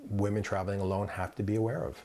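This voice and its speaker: A man speaking gravely as a security expert in an interview. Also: fairly low pitch, flat delivery, quick pace, background noise. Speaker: hotel security investigator.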